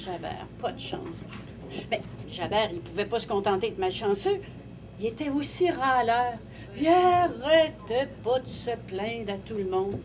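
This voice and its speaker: High-voiced Quebec woman telling a tale. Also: background noise. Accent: Quebec French. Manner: measured, drops her voice low for effect. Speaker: storyteller. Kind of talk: live folk tale telling.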